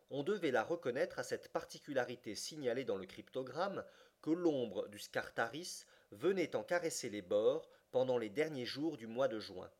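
A man reads a classic adventure novel aloud for an audiobook, at an ordinary middle pitch. His narration is expressive and lifts sharply when the story grows excited. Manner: expressive reading that rises sharply for excited passages. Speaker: audiobook reader.

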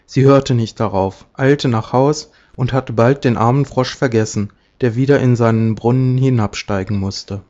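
A man reading a fairy tale aloud in a measured, expressive way, in a dull lo-fi recording. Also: mid-range voice. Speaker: storyteller.

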